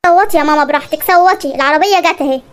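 Voicing a put-upon fiancé in an Egyptian cartoon sketch, a performer grumbles sarcastically as an exasperated young man. The delivery is high-pitched, very fast and fairly bright, with an Egyptian Arabic accent, in an animated comedy style.

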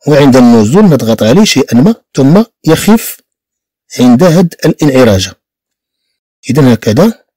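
A man's voice: mid-range voice, warm tone, dry recording, clean studio sound. A man with a Moroccan Arabic accent teaching a beginner French lesson, spelling out letters and repeating each sound patiently. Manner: slow, repetitive spelling-out of sounds.

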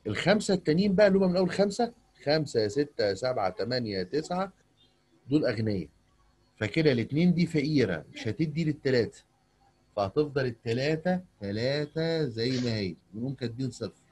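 A man's voice: mid-range voice, expressive, fast, a little mellow, husky. A man with an Egyptian accent teaching math to a young pupil over a video call, coaxing her with patient questions. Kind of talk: online tutoring lesson.

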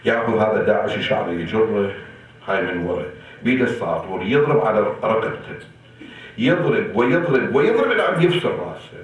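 A man's voice: fairly low pitch, animated, fairly quick. A man with an Iraqi Arabic accent delivering an impassioned, rhetorical sermon in the hall of an Islamic center. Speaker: preacher. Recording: echoey hall from far off.

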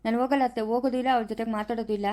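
A woman playing a young husband who defends himself with rapid pleading explanations. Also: fairly high pitch, steady tone, warm tone, close to an everyday voice. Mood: defensive, reassuring. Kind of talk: amateur family drama acting.

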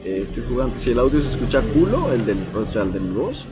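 Brief: gamer guy, lively, bouncy delivery, swears at rivals, laptop mic, TV and music behind. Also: medium pitch, quick pace. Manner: excitable, swears and shouts at opponents. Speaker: gaming YouTuber. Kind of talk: live gameplay commentary. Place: at home. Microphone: laptop's built-in mic, no external mic. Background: a TV playing in the background.

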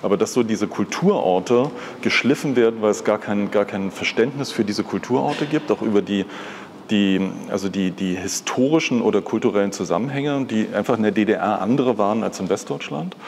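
A man in his fifties from East Germany speaks fairly quickly in a fairly low, slightly mellow voice, telling reflective personal stories. He is an art patron taking part as an interview guest in a live talk. The recording, made in a large glass-fronted hall, is reverberant and has a little hiss or hum.

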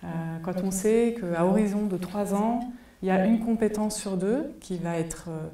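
A woman's voice: medium pitch, normal speed, dark tone, far from the mic. Woman in her forties in an echoey hall. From France. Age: 40s. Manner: thoughtful, many hesitation fillers. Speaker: conference speaker. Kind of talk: live conference talk. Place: large cinema hall, indoors. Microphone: headset mic.

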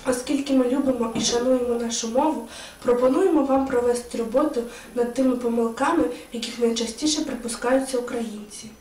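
A woman reads out a prepared speech in an earnest, declamatory way at a school event. Her voice is higher than usual and mellow. She is far from the mic in an echoey hall with a faint hiss behind. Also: a little fast. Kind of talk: scripted recitation at a school event.

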